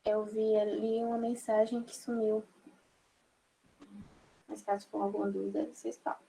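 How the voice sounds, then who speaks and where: A woman's voice: mid-range voice, flat delivery, creaky, warm tone. A young woman from Brazil teaching a sign language class online, explaining step by step and checking in with her students often. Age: young adult. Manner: slow, patient, frequent check-ins with the class.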